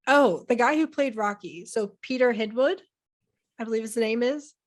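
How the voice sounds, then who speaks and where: A woman's voice: on the high side, normal speed. A young woman co-hosting a film podcast in casual chat, rambling with many fillers and restarts. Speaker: podcast co-host.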